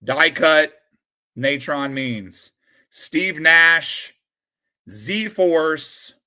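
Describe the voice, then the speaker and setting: A bright, high-ish male voice that swings widely in pitch while he commentates on a live stream. He calls out names slowly and deliberately, then drops into low muttered asides. His excitement comes in bursts. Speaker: sports card streamer opening a collection.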